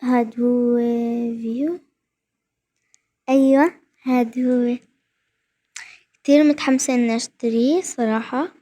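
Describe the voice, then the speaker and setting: A young woman, giving excited gameplay commentary and repeating words rapidly when thrilled. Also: fairly high pitch. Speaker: gaming vlogger.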